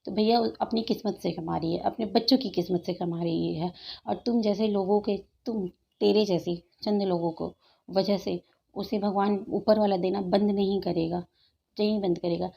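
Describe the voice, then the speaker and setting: A woman's voice: medium pitch, fairly even intonation, normal speed, creaky, slightly rough, lo-fi sound. A woman YouTuber in her thirties, scolding and sarcastic in a heated reaction video, repeating her points for emphasis.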